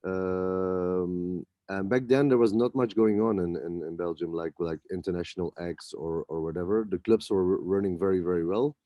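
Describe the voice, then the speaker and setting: A man, a club promoter, answering interview questions in a relaxed way with many pauses and restarts. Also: low-pitched, no room sound, muffled recording. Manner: hesitant, many fillers and restarts. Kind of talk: casual interview talk.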